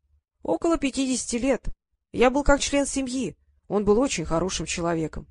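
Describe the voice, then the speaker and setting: A woman voicing a frail old man who speaks slowly in short sentences, with a whistling lisp from bad dentures. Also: fairly high pitch, expressive, a little mellow, no room sound, pitched above the performer's own voice. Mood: fond. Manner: slow, halting.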